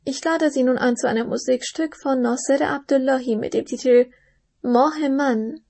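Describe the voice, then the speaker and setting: A woman's voice: high voice, steady tone, moderate pace, mellow. A woman hosting a radio program, formally announcing the next piece of music. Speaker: radio host.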